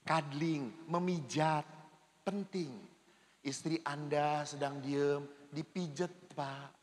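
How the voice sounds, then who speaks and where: Man, priest, jokey seminar talk, high voice, echoing hall. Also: takes it slowly. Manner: lively, jokey, acts out spouses' lines. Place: church hall. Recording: long reverb of a large hall.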